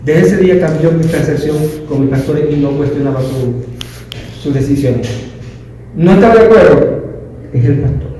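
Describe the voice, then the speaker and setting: A man in his thirties tells a personal testimony to a class, emphatic and self-correcting. His voice sits a little high with a mellow, dark tone. He is heard from some distance in a strongly echoing room. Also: moderate pace, long pauses, slight background noise. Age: 30s. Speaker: leadership class participant. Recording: very echoey room, distant mic.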